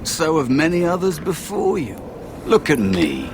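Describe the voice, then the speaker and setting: An actor playing a wary, sorrowful spirit of a lost young apprentice in a fantasy video game, hesitant and cautionary. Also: male voice, on the high side, very animated, a little slow, background noise. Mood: bitter, resigned.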